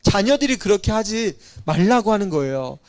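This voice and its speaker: A man's voice: sits high, big pitch swings, moderate pace, darkish tone. A male pastor giving a casual sermon, asking the congregation questions and teasingly calling on children by name. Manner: asks the listeners questions and calls on children by name; chatty, teasing.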